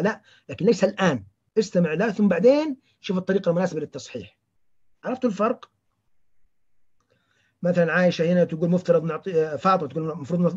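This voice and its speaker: Guy teaching a class, high husky voice, muffled lo-fi sound. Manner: animated, quizzes students by name, acts out example dialogues. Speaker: trainer teaching patient counseling. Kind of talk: interactive lecture. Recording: muffled lo-fi recording.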